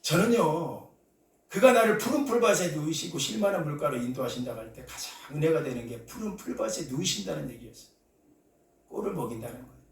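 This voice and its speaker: A man preaching a Sunday sermon as the pastor, telling a story dramatically, acting out the people he quotes and rising into shouts at the peaks. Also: a little high, lively intonation, quick pace. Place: church sanctuary. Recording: echoey hall, voice from a distance.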